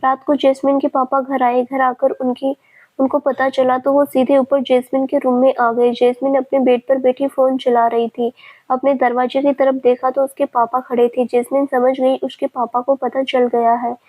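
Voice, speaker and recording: A woman storyteller giving a steady, scripted narration of a family story. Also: high voice, normal speed.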